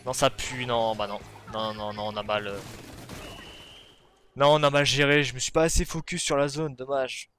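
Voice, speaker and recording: A man giving live commentary on his own online match, excitable, shouting at plays and then talking himself down, on a desk or headset mic. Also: medium pitch, normal speed, clean tone, faint music behind. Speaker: gaming video host.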